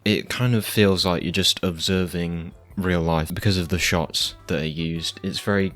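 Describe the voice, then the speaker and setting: A man's voice: low voice, fairly even intonation, moderate pace, fairly bright tone, faint music behind. A man giving casual film reviews in a laid-back, rambling, slightly hesitant way.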